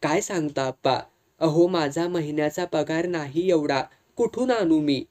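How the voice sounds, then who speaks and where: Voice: mid-range voice, measured pace, darkish tone, close to an everyday voice. A reader voicing a worried, earnest young clerk full of questions. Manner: anxious questioning.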